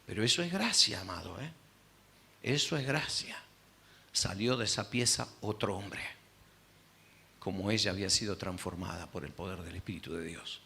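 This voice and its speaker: A man's voice: low-pitched, moderate pace, vocal fry, pauses often, pushed and bright. A male pastor with an Argentine accent preaching a sermon, telling a story dramatically and acting out the voices. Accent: Argentine Spanish.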